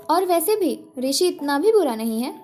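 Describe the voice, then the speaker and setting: A woman's voice: high-pitched, sing-song, moderate pace, darkish tone. A woman voicing a chatty, trusting young woman in a story reading, talking in a teasing way. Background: background music.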